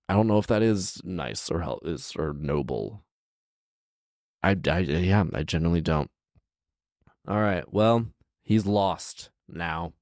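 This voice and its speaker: A thirty-something man reads a fairy tale aloud as storyteller and host, stopping for casual, incredulous banter; he speaks close into a handheld microphone in a small living room. His voice is lowish and a little mellow, recorded dry.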